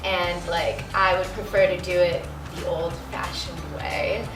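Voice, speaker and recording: A woman in her twenties, a panel guest, chats frankly and casually from a sofa on an indoor studio set, her speech full of "like" and "you know." Her voice sits on the low side, with a flat delivery and a measured pace. The recording sounds roomy and distant, with a music bed underneath.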